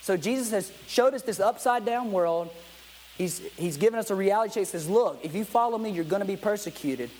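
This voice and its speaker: A man's voice: high-pitched, a little mellow, slight background noise, low-quality recording. Man preaching a conversational sermon. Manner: conversational preaching, reads scripture aloud, asks the congregation questions. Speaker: pastor.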